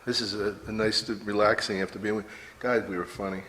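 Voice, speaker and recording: A man's voice: lowish voice, level tone, a little fast. An older man, a comedian guest, telling rambling stories in a playful, mock-earnest way. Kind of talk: casual storytelling chat. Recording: long echo and faint noise.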